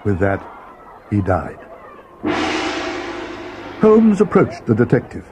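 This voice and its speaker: An actor playing Watson, a schoolboy's companion recounting a mystery as scripted storybook narration. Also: male voice, on the low side, wildly swooping pitch, takes it slowly, lo-fi sound, very noisy, exaggerated voice. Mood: measured, grave.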